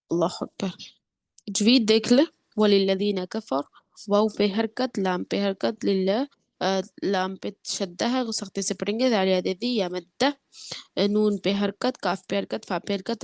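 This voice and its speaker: A woman teaching a Quran lesson with tajweed rules, her voice affected by a cold. She explains step by step, often checks in with her students, and chants the verses slowly. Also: mid-range voice, creaky, no room sound, clean studio sound. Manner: slow drawn-out chanting when reciting verses.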